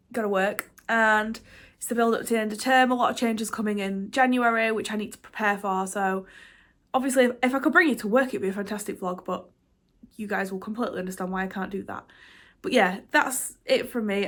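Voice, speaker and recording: In a medium-pitched, fairly bright voice, a young book vlogger with a stuffy nose talks casually into her camera. She wanders from thought to thought, restarts often, and fills gaps with ums, teasing herself as she recaps her reading and a busy week.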